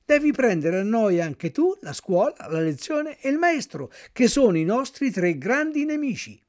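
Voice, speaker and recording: A man voicing a gang of rough truant boys who bully and taunt in a loud voice. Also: very high voice, sing-song, moderate pace, voice pushed up.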